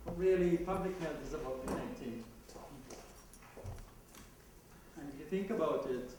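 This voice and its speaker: A man with a Jamaican accent and a slightly high voice gives an unhurried, conversational conference talk, laughing at his own asides. The echoey hall recording picks up his mic from a distance, along with background noise.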